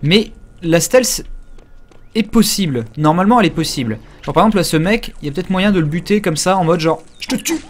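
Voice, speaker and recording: A man's voice: sits high, lively intonation, fairly quick. A man giving casual live commentary while playing a video game, rambling and crude, joking with many fillers. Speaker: game streamer.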